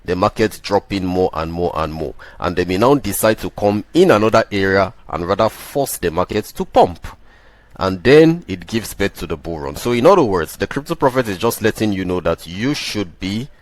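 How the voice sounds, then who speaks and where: Deep-voiced man, insistent crypto-bro hype. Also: expressive, normal speed, dry recording. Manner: hyping crypto-bro salesman, insistent and repetitive; emphatic, self-assured proclaiming. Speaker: crypto trading host who calls himself a prophet. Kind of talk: chart analysis commentary with promotional pitch.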